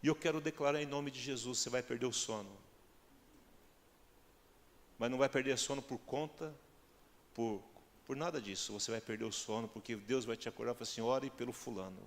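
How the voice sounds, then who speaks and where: Here the Brazilian-accented pastor speaks in a mid-range voice at a brisk clip, pausing often as he throws rhetorical questions at his congregation and climbs to forceful high points. The church hall leaves a long reverb on the sound.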